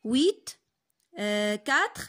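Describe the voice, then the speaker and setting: Young Moroccan woman tutor in her twenties, slightly high voice, slow read-alouds, quick asides. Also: sing-song, fairly bright tone. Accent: Moroccan Arabic. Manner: reads French sentences slowly, then explains them in quick Darija. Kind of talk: online French lesson explained in Darija.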